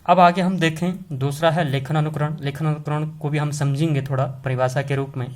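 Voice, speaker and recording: A man's voice: a little high, fairly even intonation, moderate pace, a little mellow. A man teaching an exam-prep lesson, explaining step by step and often checking in with the listener with short tag questions.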